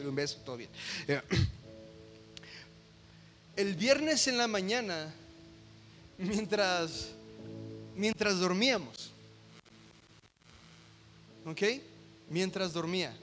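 Male pastor, passionate sermon, bright voice, long hall reverb, faint music behind. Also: high voice. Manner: passionate preaching, swelling to emphatic repeated declarations; conversational storytelling with quick asides.

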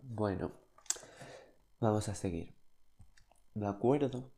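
A man's voice: lowish voice, takes it slowly, vocal fry, warm tone, slight background noise. A young man, telling childhood anecdotes in a chatty, flamboyant, dramatic way. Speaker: podcast host. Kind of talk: casual storytelling monologue.

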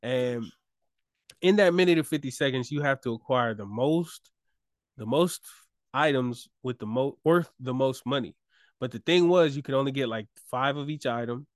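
A man's voice: mid-range voice, normal speed, no room sound, clean studio sound. A man co-hosting a casual chat, a laid-back storyteller who laughs often. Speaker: podcast co-host.

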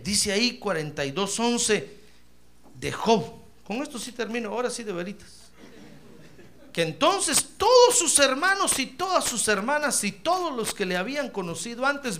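A man delivers an animated sermon. His voice sits high and bright, and it rises and falls widely as he leans toward his listeners. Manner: animated preaching, addresses listener as hermano. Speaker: pastor.

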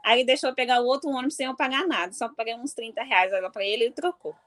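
A woman from do Sul, casually telling a personal story in an animated way and laughing often. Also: fairly high pitch, racing. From Mato Grosso do Sul, Brazil. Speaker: football fan.

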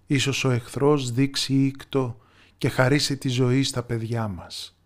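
A man's voice: mid-range voice, level tone, close to an everyday voice. A man voicing a kind, just village lord in a folktale, troubled and raising his voice in alarm. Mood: despairing. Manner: troubled, pleading, raises his voice.

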